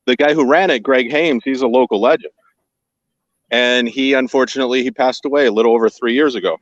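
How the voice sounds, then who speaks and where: A man joining an interview by phone, relaxed and a bit halting as he tells his story. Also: mid-range voice, no echo. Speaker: interview guest. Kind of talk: casual conversation. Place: outdoors on a hill. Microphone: phone on a video call. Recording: dry, muffled phone call.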